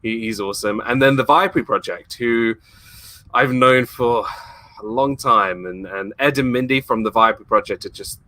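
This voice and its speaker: Bright, enthusiastic man telling park stories. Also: mid-range voice, no echo. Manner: enthusiastic, rambling, quick to laugh. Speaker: guest, YouTuber and former theme park worker. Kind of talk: casual livestream interview.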